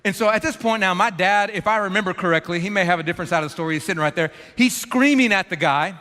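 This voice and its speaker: A man preaching a storytelling sermon, animated and self-deprecating, in a large church auditorium. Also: high-pitched, quick pace. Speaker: pastor. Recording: long reverb of a large church hall.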